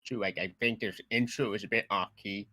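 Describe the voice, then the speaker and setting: A man's voice: lowish voice, steady tone, a little fast, pushed and bright, no echo. A man chatting as a panelist on a casual livestream, loose and filler-heavy with "like".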